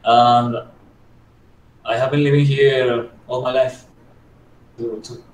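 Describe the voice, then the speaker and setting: A man from Colombia answers interview questions in a modest, halting way, with lots of fillers and restarts. His voice is heard from a distance in an echoey room. A faint hiss sits under the recording. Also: mid-range voice, flat delivery. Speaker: guest sculptor.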